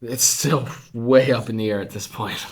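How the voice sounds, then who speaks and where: A man's voice: medium pitch, normal speed. A man with a mid-range voice bantering in a playful way, dropping "bro" and "dude" as he makes a half-joking case for his point. His tone stays easygoing and chatty. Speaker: student ministry podcast co-host. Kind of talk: casual chat.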